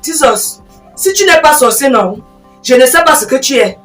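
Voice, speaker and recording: A woman's voice: high-pitched, lively intonation, moderate pace. A woman, acting an exasperated married younger sister in a comedy sketch, scolding and lecturing emphatically. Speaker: comic actress. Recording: roomy, from a distance, faint music.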